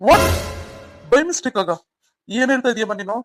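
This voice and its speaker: A man's voice: extremely high pitch, lively intonation, unhurried, over music. A man voicing a stern male police officer who questions sharply in a cartoon story. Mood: questioning. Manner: probing, stern.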